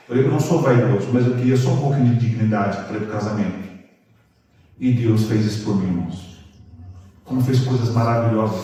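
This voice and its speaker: A man's voice: mid-range voice, a little mellow. A man with a Brazilian Portuguese accent preaching a sermon and sharing a personal testimony, chatting directly with the congregation. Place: large church hall. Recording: echoey hall, distant mic, faint noise.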